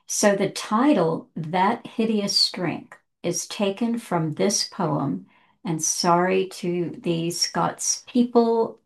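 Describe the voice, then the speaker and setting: Middle-aged woman host, casual book talk, slow and gravelly, corrects herself often. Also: lowish voice. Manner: chatty, self-correcting, careful reading aloud.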